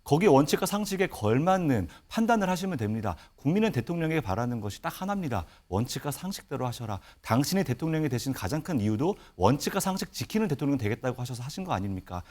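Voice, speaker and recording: A male panelist debates on a news show, pressing his case with rhetorical questions. He talks quickly, and his fairly high voice is lively. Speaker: political panelist. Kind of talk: political debate on TV.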